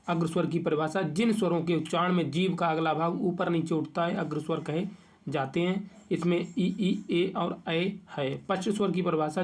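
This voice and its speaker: A man teaching an exam-prep grammar lesson, reading out definitions and slowly stretching each vowel he lists. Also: a little high.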